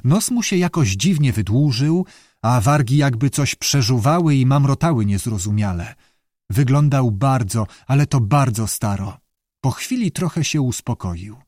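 Male narrator, calm measured storytelling, mid-pitched voice, dry close recording. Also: no echo. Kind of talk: audiobook narration.

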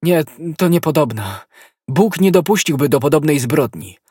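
A man playing a grim, suspicious older male musketeer who speaks low and hushed. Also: very animated, normal speed, husky, dry recording, clean studio sound, heavily acted.

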